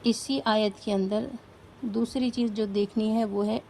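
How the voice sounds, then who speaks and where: A woman's voice: mid-range voice, fairly even intonation, gravelly, darkish tone, a little hiss or hum. A woman teaching a recitation class, explaining each rule patiently step by step and asking her students questions.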